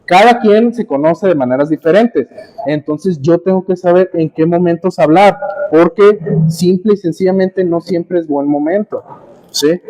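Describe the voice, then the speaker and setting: A man's voice: high voice, moderate pace, mellow, rough recording. A man speaking to a workshop audience about family conflicts, conversational, with personal examples and rhetorical questions.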